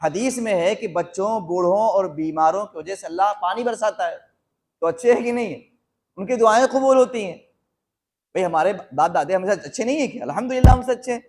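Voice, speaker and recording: High-voiced man preaching a sermon. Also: darkish tone. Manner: questions the audience and repeats phrases for emphasis; slows down to spell out quoted phrases. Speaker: Islamic preacher. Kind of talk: live sermon to a seated audience.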